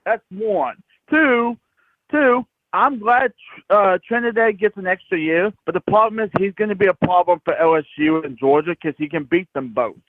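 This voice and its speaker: A man's voice: high voice, moderate pace, dry recording. A man from Florida calling in to a sports talk show over the phone, joking and rambling through his points. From Crestview, Florida, US. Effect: heard over a phone line. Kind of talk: casual phone-in chat. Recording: tinny phone line, dry.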